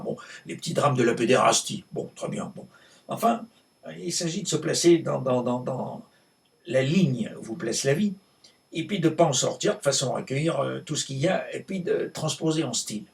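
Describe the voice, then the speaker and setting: A world-weary, cantankerous male novelist, played by a man on stage holds forth in a creaky voice. The delivery is hammy and theatrical, halting and repeating itself before leaning hard on key words. The microphone sits some distance away. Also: medium pitch, animated. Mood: wry, weary. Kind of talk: theatrical monologue performed in a conversational ramble.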